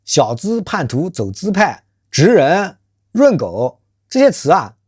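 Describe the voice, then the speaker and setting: Taking it slowly, a channel host with a medium pitch, big pitch swings, and a slightly mellow, breathy voice presents a scripted social commentary. The monologue is rhetorical and emphatic, often questioning listeners directly, and the host speaks of themselves by nickname in the third person. Sound is clean studio quality with no echo.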